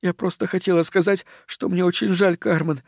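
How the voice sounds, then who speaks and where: A man reading a storybook voices a frightened young woman who speaks through tears in a hushed, shaky way. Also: low voice, fairly even intonation, normal speed, no echo, clean studio sound, natural voice. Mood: tearful. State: crying. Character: young woman, terrified, weeping, bitter.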